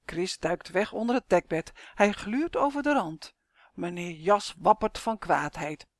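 A woman reading a children's story aloud in an expressive, unhurried way. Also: lowish voice, dry recording.

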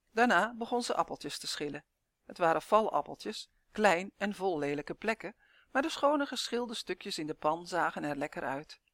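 A woman narrating a children's storybook in a clear, even, expressive reading voice. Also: fairly low pitch, no room sound, clean studio sound.

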